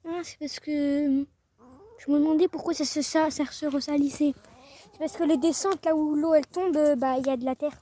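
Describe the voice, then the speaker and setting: A teenage girl from northern France vlogs casually in an outdoor garden by her chicken coop, rambling and often trailing off mid-sentence. Her voice is high-pitched and mellow, with fairly even intonation at a normal speed.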